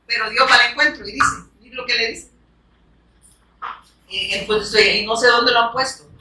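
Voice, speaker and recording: A woman with a fairly high, pushed, bright voice preaches emphatically to a congregation, urging listeners to look closely and punctuating her points with "amen." The room is echoey and her voice is picked up from a distance.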